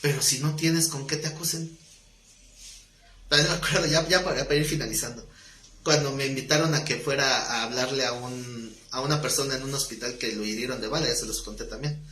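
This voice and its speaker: A man's voice: mid-range voice, steady tone, brisk, fairly bright tone, echoey room, slight background noise. A man teaching a Bible study class in a conversational way, telling stories with acted dialogue and asking the class questions.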